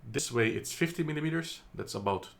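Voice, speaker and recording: A man from the Netherlands reviews a product casually, hesitating a lot and correcting himself, filmed indoors on his phone. His mid-range voice is gravelly and animated, moving a little fast.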